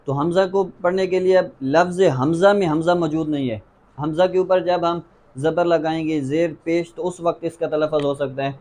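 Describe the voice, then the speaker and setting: A man's voice: a little high, fairly even intonation, darkish tone. A man teaching Quran pronunciation, patiently repeating each letter and drawing the sounds out in a half-sung way. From Pakistan. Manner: patient, drills letters by repeating them slowly. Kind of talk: tajweed pronunciation lesson.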